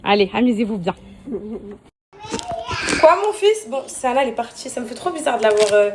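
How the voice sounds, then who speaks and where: A woman's voice: on the high side, expressive, brisk. A woman who is a mother filming a casual vlog at home. She chats to camera and coos at her children. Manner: chatty, switches between cooing at her kids and confiding in viewers. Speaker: family vlogger and mother. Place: indoors at home. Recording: echoey room with loud background noise.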